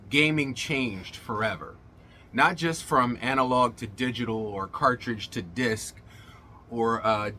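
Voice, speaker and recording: A middle-aged gaming channel host delivers a casual vlog monologue to viewers in an emphatic, colloquial showman's style, his words a little slurred as though his mouth were swollen. His voice is medium-pitched with a sharp tone, and there's slight background noise.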